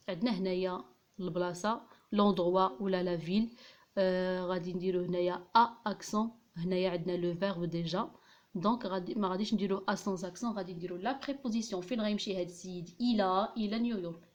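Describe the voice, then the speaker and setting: Moroccan woman, French teacher, slow careful dictation, mixes French terms into darija, slightly muffled recording. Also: medium pitch. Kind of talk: classroom-style grammar lesson.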